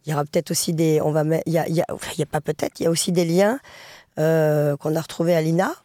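A woman singer and author talking casually in an interview, chatty and lively, with many fillers and restarts, and a French Traveller community accent. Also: low-pitched, rapid-fire, dry recording, clean studio sound.

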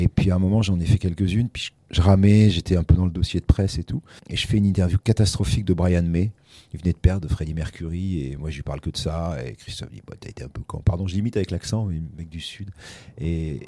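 A middle-aged man with a low voice tells career stories in relaxed interview chat. He keeps restarting his sentences. The recording is dry and close, with no room sound. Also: no room sound. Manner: anecdotal storytelling with many restarts. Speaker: radio host recalling his career.

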